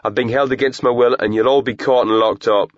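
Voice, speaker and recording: A man's voice: mid-range voice, fairly even intonation, brisk, no room sound, muffled recording, pitched above the performer's own voice, close to an everyday voice. A man voicing an angry, defiant middle-aged male businessman who snarls his words dismissively.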